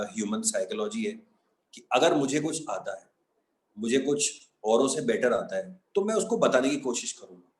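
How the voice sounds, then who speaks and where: A man's voice: medium pitch, reverberant, rough recording. A man who teaches maths, explaining each step of a lesson and going over the key points again. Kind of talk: classroom lecture.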